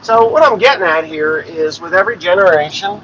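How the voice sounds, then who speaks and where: Farmer-host, man, forties, bright higher voice, rambling and blunt, muffled recording with faint engine hum. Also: brisk. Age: 40s. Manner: plain-spoken, rambling, swears freely. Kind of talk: casual rambling monologue.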